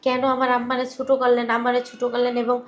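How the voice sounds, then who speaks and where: A woman's voice: a little high, monotone, fast talker, lightly acted. A woman playing a wronged young daughter-in-law. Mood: reproachful. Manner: pleading, then firmly reproachful.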